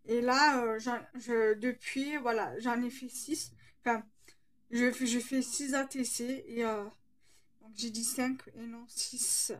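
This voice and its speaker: Woman, slight lisp, unhurried delivery, thinking aloud, hands-on tutorial host. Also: on the high side, steady tone, a little hiss or hum. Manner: hesitant, thinking aloud as she works. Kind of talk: casual hands-on tutorial narration.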